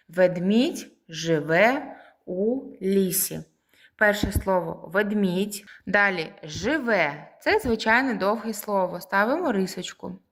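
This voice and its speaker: A Ukrainian preschool teacher leads a lesson for small children, talking slowly and clearly and stretching out her words. Her female voice sits in the mid range with a fairly bright tone.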